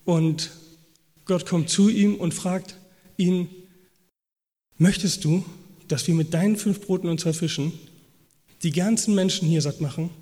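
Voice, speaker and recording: A man's voice: on the high side, warm tone. Preaching man in an echoing hall. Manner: acts out biblical dialogue in quoted voices. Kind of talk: sermon. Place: church hall. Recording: long reverb of a church hall.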